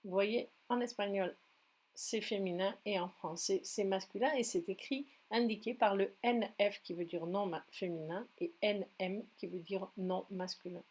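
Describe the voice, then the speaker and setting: A woman with a Spanish accent, a teacher, leads students step by step through an online dictionary in a screen-recorded tutorial, explaining patiently. Her medium-pitched voice is a little mellow with a breathy edge, and she speaks at a normal speed.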